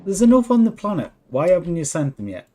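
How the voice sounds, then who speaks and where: A man's voice: high-pitched, sing-song, quick pace, dark tone. A man streaming a video game, chatting casually in a self-deprecating way. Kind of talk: casual livestream chat while gaming.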